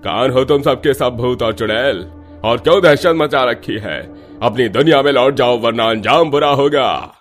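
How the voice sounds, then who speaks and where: A man's voice: mid-range voice, moderate pace, faint music behind, close to an everyday voice. A man voicing a stern male ascetic holy man in a cartoon, solemn and warning. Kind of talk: cartoon voice acting.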